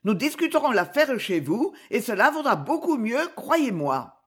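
Jovial, confident husband, as a woman reader plays him, lively and animated. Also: fairly high pitch, moderate pace, husky. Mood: cheerful. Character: cheerful, shrewd middle-aged husband.

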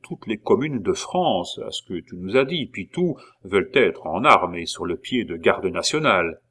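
A man's voice: sits low, normal speed, heavily acted. A man reading aloud and voicing an eager, pushy young male villager in an audiobook. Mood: insistent. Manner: pushy, excitable.

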